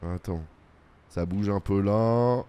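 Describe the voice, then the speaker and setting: A man's voice: fairly low pitch, slow pace, warm tone, clean tone. A man giving casual, chatty let's-play commentary, joking at his own expense and talking straight to his viewers. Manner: chatty, self-mocking, addresses the viewers directly; mutters running remarks to himself while playing.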